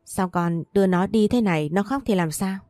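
A woman's voice: mid-range voice, moderate pace, mellow, no room sound, studio quality, faint music behind, close to an everyday voice. A woman reading the lines of a worried old father in a storybook, in a plain read-aloud delivery.

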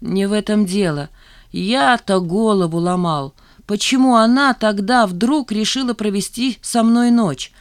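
Reading an audiobook, a woman voices a mild, patient young man, pitching her natural voice above her own usual register. She speaks at a measured pace and mid pitch, in studio-quality audio with no room sound.

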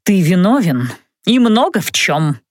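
A fiery, stern middle-aged mother who talks sharply and scolds, voiced by a woman reading an audiobook. Her pitch swings widely. The sound is dry and close. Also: sing-song, measured pace, darkish tone, no echo. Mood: stern, angry. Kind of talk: audiobook character voice.

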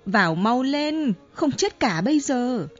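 A woman voicing a frightened, insistent older woman who pleads breathlessly in a high voice, on a dull lo-fi audiobook recording. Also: big pitch swings, measured pace, faint music behind, heavily acted. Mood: urgent.

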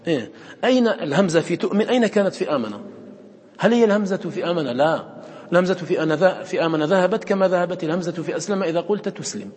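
A man's voice: sits high, animated, very fast, a little mellow, breathy edge, big-room sound. A man teaching a class on recitation, repeating words aloud and quizzing his students with questions.

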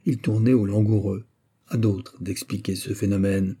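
A man narrating a classic maritime story in a measured, expressive reading. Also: fairly low pitch, slightly rough. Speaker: audiobook reader. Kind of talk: literary narration.

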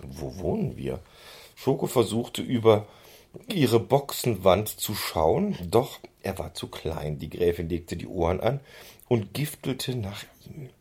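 A man reading a children's book aloud in an expressive storytelling manner, on a handheld recorder. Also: on the low side, slow pace, husky. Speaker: reader.

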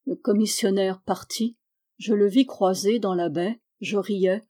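A woman reading a literary novel aloud as an audiobook, calm and measured, voicing the dialogue softly. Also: mid-range voice. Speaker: audiobook reader.

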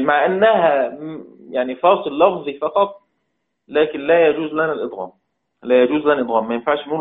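A man teaches Quran recitation rules in a somewhat high voice. He repeats each phrase and chants quoted verses slowly. The audio is thin and phone-like. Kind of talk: religious lesson.

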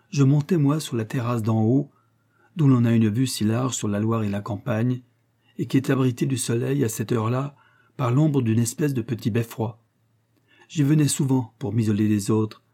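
A man reading the part of an aristocratic woman confessing a dark temptation, in an intense, grave manner. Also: medium pitch, lightly acted.

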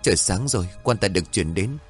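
A man's voice: sits low, expressive, fast, faint music behind. A man voicing a young nephew who calls his uncle and hurries him along. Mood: urgent. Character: young male nephew, urgent.

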